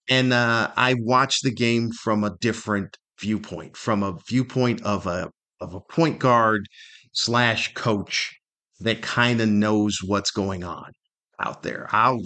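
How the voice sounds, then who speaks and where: The voice is a man's, medium in pitch with a sharp edge. He's an older American podcast host from Southern California, at least in his 50s, who rambles casually through his solo show and makes fun of himself.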